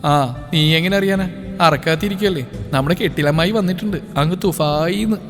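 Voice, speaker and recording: A man voicing a cheeky, teasing younger sister in an audio story, in a brighter, playful tone. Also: a little high, fairly quick, lightly acted. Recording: reverberant with faint music.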